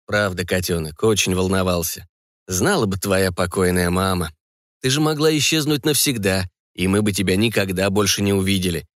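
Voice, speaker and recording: A man's voice: sits low, no room sound, natural voice. A man playing a stern middle-aged colonel. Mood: fatherly. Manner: stern, measured, dry irony.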